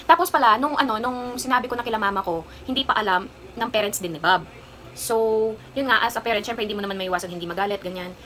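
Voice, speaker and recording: A woman's voice: mid-range voice, fast, background noise. A young woman in her twenties with a Kapampangan accent, chatting casually in a haul vlog as she tells a personal story, rambling along with lots of fillers. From Philippines. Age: 20s. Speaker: vlogger.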